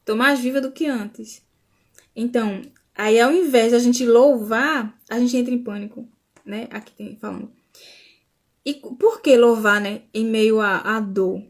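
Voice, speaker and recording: A woman's voice: a little high, a little slow. A woman from Brazil, sharing a faith testimony in a casual live stream and often saying "né?". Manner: informal, with frequent restarts and "né?".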